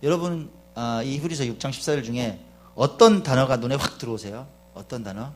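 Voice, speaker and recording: A middle-aged man pastor preaching a Sunday sermon. He is chatty, asks the congregation questions, and swings between quiet confiding asides and loud fervent calls. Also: mid-range voice, animated, a little fast, a little hiss or hum. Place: church sanctuary.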